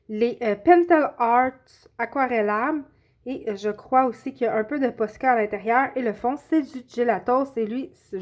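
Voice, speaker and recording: Québécoise woman host, casual show-and-tell, slightly high voice, halting with frequent fillers. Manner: hesitant, many filler sounds and self-corrections. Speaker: coloring channel host. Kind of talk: casual show-and-tell of finished coloring pages.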